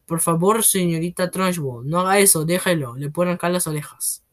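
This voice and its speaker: A gentle young woman teacher from a storybook read aloud, played by the reader. She pleads softly at an everyday pitch. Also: brisk, close to an everyday voice. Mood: pleading. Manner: pleading, soft-spoken.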